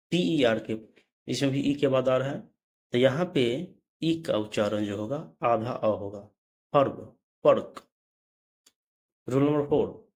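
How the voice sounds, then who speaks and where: A man's voice: medium pitch, a little mellow. A man teaching English pronunciation, spelling words out letter by letter and then saying them, correcting himself now and then. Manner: corrects himself mid-lesson. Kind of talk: slow explanatory lesson.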